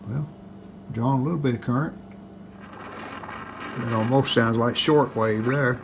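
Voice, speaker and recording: A hobbyist radio restorer presents a repair video, his mid-range voice steady and unhurried. He thinks aloud in short, casual, unscripted phrases while working with his hands. The home-video sound is clearly noisy.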